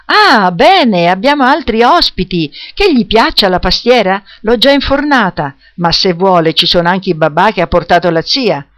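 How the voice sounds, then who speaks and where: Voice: animated, moderate pace, few pauses, a bit bright, smooth, no room sound, clean studio sound, lightly acted. A reader voicing a cheerful, chatty middle-aged mother from Naples in an audiobook. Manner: exuberant, chatty, high-spirited. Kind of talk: audiobook character voice.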